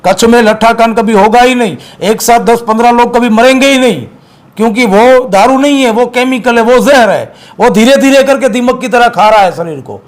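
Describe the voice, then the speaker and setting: A very high-pitched voice at normal speed belongs to this Gujarati activist, who is a guest in a tense interview. He hammers his points home again and again, forceful and accusatory.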